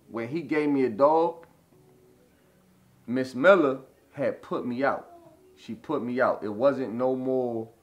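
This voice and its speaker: A man in his thirties talks through his story in a loose, rambling way, peppered with swearing and filler phrases. His voice sits at an ordinary middle pitch, with faint music playing behind him. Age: 30s. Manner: rambling, repeats "you know what I'm saying", profane. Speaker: interview guest. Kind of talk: casual storytelling.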